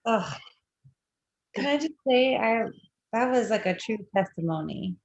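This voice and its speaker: A woman's voice: a little high, lively intonation, a little slow, muffled recording. A woman on a webinar panel giving short supportive replies over a video call.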